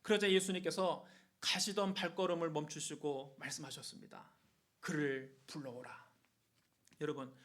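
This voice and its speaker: A man's voice: extremely high pitch, pushed and bright. A male pastor preaching a fervent Sunday sermon to his congregation.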